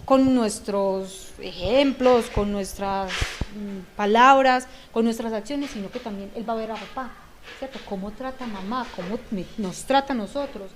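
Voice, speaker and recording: A woman's voice: on the high side, normal speed, slight background noise. Earnest Colombian woman, acts out quotes. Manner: earnest, acts out parents' and children's lines. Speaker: guest speaker on parenting. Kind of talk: talk-show discussion.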